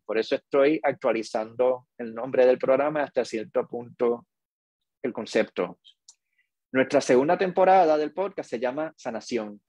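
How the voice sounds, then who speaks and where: A middle-aged man speaks as a podcast host, slow, measured and earnest. His voice sits at an ordinary middle pitch. The sound is dry and close, with no room around it. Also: darkish tone, no echo. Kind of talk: reflective podcast monologue.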